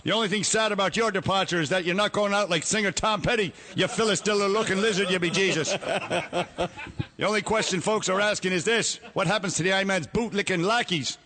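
A man's voice: high voice, brisk, sharp tone. A man voicing a crude, irreverent older male cardinal with a brogue, in a mock-pious comedy radio bit full of insults.

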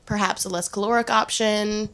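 Woman, chatty podcast guest, bubbly and laughing, mid pitch. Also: fairly even intonation, moderate pace, fairly bright tone, clear, resonant tone. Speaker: chapter co-chair. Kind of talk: casual podcast chat.

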